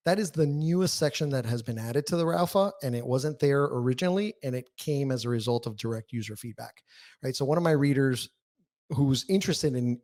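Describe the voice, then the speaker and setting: This newsletter writer, a podcast guest, speaks in a mid-range voice with a bit of mellowness. His interview talk is casual, and he lays out his points with candor and emphasis.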